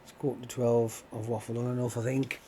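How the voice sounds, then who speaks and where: A man's voice: medium pitch, fairly quick. A man chatting in a meandering way while he plays a game, with lots of fillers and casual swearing. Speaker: gaming channel host. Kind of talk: rambling chat over gameplay. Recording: steady background noise.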